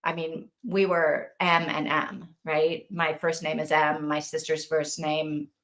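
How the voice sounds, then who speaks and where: Musing low-voiced woman. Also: flat delivery, takes it slowly, a bit bright. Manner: musing, wondering aloud. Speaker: book club member. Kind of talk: casual book chat.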